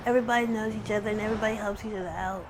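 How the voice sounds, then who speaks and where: A cheerful, upbeat woman in her thirties, interviewed outdoors in a quiet small town. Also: medium pitch, steady tone, very fast, noisy background. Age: 30s. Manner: cheerful and upbeat, laughs easily. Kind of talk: casual interview.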